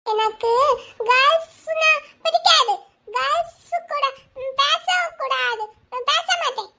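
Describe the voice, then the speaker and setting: A woman voicing a stubborn little boy who refuses to talk to girls, in a slow, childish cartoon voice. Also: very high voice, bright, forceful tone, pitched above the performer's own voice, full character voice. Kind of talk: cartoon voice acting.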